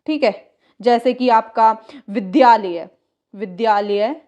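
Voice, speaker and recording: A woman teacher going through exam questions, explaining step by step and slowly repeating key words. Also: fairly high pitch, dark tone, highs cut off. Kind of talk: exam-prep grammar lesson.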